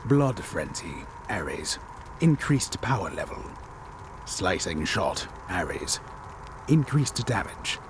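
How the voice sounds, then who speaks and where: Hammy, deep-voiced man reading theatrically. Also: noisy background. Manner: hammy, theatrical stage-actor delivery. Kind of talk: dramatic reading of game patch notes.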